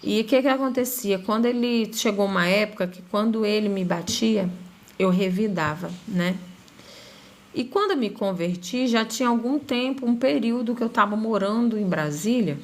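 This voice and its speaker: Woman, mid-range pitch, warm conversational delivery of a faith testimony, keeps checking in with listeners. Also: normal speed. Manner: conversational, often adding tag questions like "né?" and "sabe?".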